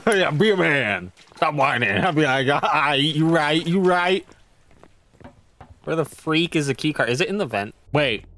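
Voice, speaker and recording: A man chatting casually while playing a game, jumpy and quick to yelp when startled. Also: fairly high pitch, very animated, a bit bright, a little hiss or hum. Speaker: gamer. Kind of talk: casual gaming chat.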